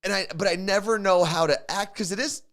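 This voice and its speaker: A man's voice: high voice, fairly quick, a bit bright. A man in his forties co-hosting a morning radio show, chatting casually and laughing often. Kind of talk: casual chat.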